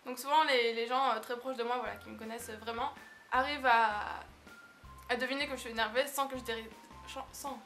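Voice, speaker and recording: A woman's voice: fairly high pitch, a little fast, faint music behind. A young woman chatting casually in a vlog, answering quirky questions with lots of fillers and easy laughter. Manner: chatty, relaxed, laughs often, many fillers. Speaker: beauty vlogger.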